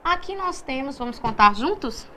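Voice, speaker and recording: A Brazilian woman teacher with a bright, high voice explains a lesson step by step. She speaks slowly and clearly and leans hard on the stressed syllables. A faint hiss sits under the recording. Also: lively intonation. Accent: Brazilian Portuguese.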